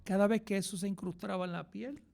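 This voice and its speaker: Male radio preacher, high gravelly voice, fervent, hush to loud. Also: fairly even intonation, faint music behind. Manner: impassioned, swings from hushed to loud and fast. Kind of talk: radio sermon.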